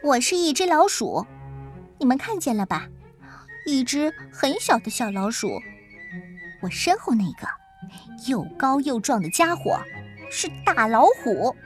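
A woman reading a children's picture book aloud in the first person as a little mouse, in an animated, childlike way. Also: high-pitched, a little slow, pauses often, soft background music. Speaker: storybook narrator speaking as the little mouse. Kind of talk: expressive children's story read-aloud.

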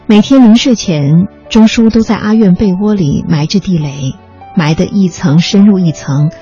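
A narrator calmly reading a memoir aloud, in a measured storytelling manner. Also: medium pitch. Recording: slightly muffled recording with faint music.

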